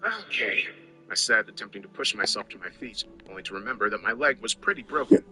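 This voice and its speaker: A man's voice: on the low side, fast, pushed and bright, soft background music. A man narrating a scripted first-person story in a wry, conversational way.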